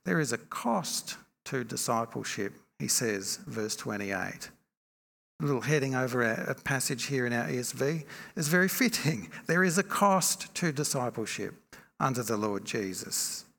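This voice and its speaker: Gravelly-voiced male preacher in a reverberant hall. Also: medium pitch, lively intonation, a bit bright. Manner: measured, reflective, asks rhetorical questions. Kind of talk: sermon. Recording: long reverb from a large hall.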